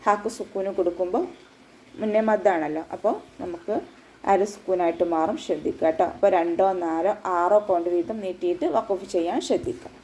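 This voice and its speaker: A woman's voice: lowish voice, quick pace, a little mellow, a little hiss or hum, rough recording. A woman Quran teacher giving a patient, step-by-step tajweed lesson, often checking that her students follow. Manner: patient step-by-step instruction, with frequent checks for understanding.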